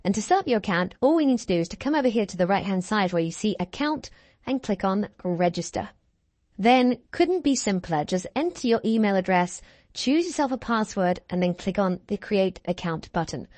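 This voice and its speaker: A woman's voice: medium pitch, animated, normal speed, a little mellow, no room sound. A woman instructor narrating a screen-share tutorial in an upbeat, reassuring way, walking through each step. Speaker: online course instructor.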